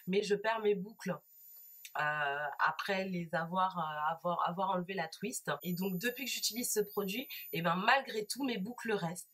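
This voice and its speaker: A woman's voice: mid-range voice, a bit bright. Hesitant French-speaking woman reviewing products. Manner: hesitant, many fillers and restarts. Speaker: beauty vlogger. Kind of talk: casual product haul review.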